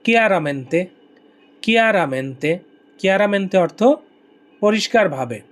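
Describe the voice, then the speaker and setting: A Bengali-speaking man teaching a language lesson, repeating each word slowly several times so listeners can copy it. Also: sits high, expressive, fairly bright tone.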